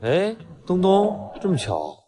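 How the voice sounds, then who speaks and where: A man's voice: high-pitched, huge pitch swings, takes it slowly, dark tone, exaggerated voice. An actor playing a pushy, deluded young man who thinks he is dating someone. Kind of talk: short web drama acting. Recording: reverberant room.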